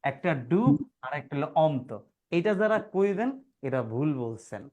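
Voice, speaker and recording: A man's voice: a little high, big pitch swings, unhurried, a little mellow, muffled recording. A male grammar teacher giving a classroom lesson. He keeps asking rhetorical questions, calls his students "brother" and sounds words out syllable by syllable.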